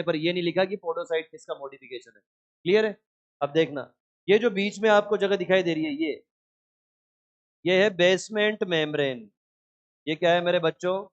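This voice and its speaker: A man teaching a biology class in a lively lecture style, often asking questions and answering them himself. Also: sits high, lo-fi sound. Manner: scolds inattentive students.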